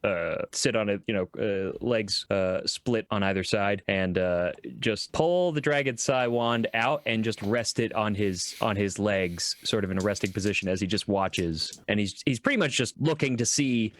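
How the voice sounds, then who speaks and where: Low-voiced man rambling through his turn. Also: normal speed, few pauses, dry recording. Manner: rambling, hesitant, many fillers. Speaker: player. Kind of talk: casual tabletop play.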